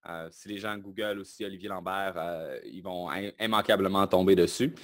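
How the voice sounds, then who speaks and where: Québécois man, low and dry. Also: moderate pace, dry recording. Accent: Québécois French. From Quebec, Canada. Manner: lively, self-assured, explains plainly. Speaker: guest, online marketing entrepreneur. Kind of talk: casual interview talk.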